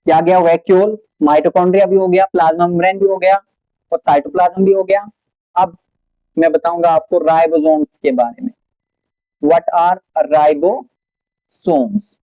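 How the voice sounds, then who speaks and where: At a whiteboard, a biology teacher lectures his class, asking questions and answering them himself while mixing English terms into the explanation. His high voice is warm, brisk and fairly even in intonation. There is no echo, and the audio is dull.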